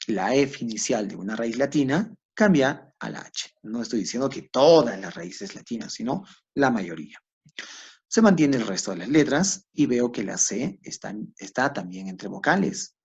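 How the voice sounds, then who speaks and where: A man teaches a class in a lively voice that rises and falls a lot. His tone is a bit raspy, and he often asks a question aloud before answering it himself. The recording sounds dull and lo-fi. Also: medium pitch. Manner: asks himself questions and answers them, addresses students directly. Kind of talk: classroom lecture.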